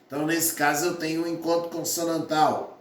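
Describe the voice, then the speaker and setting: A man teaching a grammar lesson, talking slowly, repeating his points and sounding out syllables one by one. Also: a little high, level tone, far from the mic. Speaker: Portuguese teacher. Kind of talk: classroom lesson explaining phonetics. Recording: echoey room, voice from off-mic.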